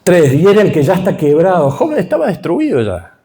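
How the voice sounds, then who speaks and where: A man's voice: high voice, big pitch swings, normal speed, dark tone, a little hiss or hum. A middle-aged man with a Rioplatense accent teaching a Bible class. He speaks with emphasis and keeps checking in with his listeners through rhetorical questions. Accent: Rioplatense Spanish.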